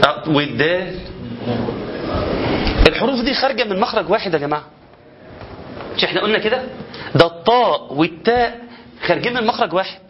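A man with an Egyptian accent teaches Quran recitation at a very quick pace, with a fairly high voice. He keeps asking rhetorical questions and demonstrates the sounds of the letters himself. The recording is dull and lo-fi, with faint noise behind it. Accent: Egyptian Arabic. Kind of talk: spoken lesson on tajweed.

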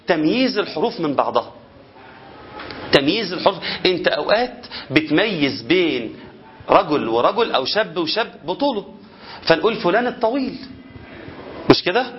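A man with an Egyptian accent teaches Quran recitation at a very quick pace, with a fairly high voice. He keeps asking rhetorical questions and demonstrates the sounds of the letters himself. The recording is dull and lo-fi, with faint noise behind it. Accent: Egyptian Arabic. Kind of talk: spoken lesson on tajweed.

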